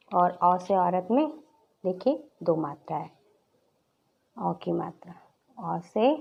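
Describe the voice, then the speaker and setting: A woman teaching a nursery class, speaking slowly and clearly to small children and drawing out each repeated letter. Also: mid-range voice, lo-fi sound. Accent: Hindi. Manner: drawn-out repetition, stressing each letter.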